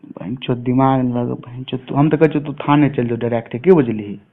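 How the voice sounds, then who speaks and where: On a tinny, narrowband phone line, a man with a Bihari accent from Mithila chats informally, swearing coarsely and often. His voice is medium-pitched, with fairly even intonation and a normal speed.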